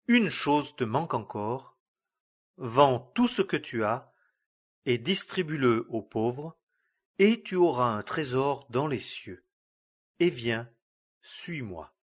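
A man giving a measured scripted reading of scripture, lifting his voice for the cries. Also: medium pitch, lively intonation. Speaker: Bible reader.

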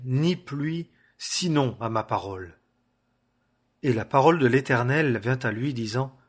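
A man reading a Bible passage aloud in a measured, solemn way, raising his voice in the quoted speeches. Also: mid-range voice, husky. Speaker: Bible reader. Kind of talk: scripture reading.

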